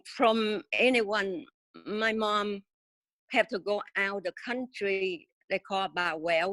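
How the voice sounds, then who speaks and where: A woman in her seventies from Vietnam with a Vietnamese accent, telling her life story haltingly in an interview with many pauses and fillers. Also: mid-range voice, a bit bright, no echo. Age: 70s. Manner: halting, many filler sounds, simple grammar. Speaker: interview guest.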